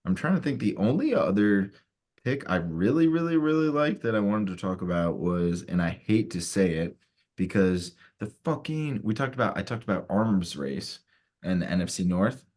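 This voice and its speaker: This is a man with a notably deep voice, chatting as a podcast co-host. He talks fast and loose, swearing often and getting worked up about rivals. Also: lively intonation, a little mellow. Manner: profane, fired-up ranting. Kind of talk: casual sports chat.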